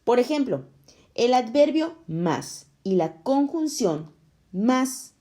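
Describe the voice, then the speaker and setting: Woman teacher reading a kids lesson, slow and careful, mellow voice that moves a lot. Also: on the high side, big pitch swings. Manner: slow, clear, explaining to children. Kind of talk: scripted lesson narration.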